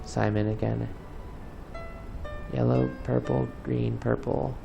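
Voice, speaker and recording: This video game let's player talks slowly in a mid-range, creaky voice with a level tone, and the recording is muffled. Off camera over gameplay and game music, he gives casual, sarcastic, grumbling commentary.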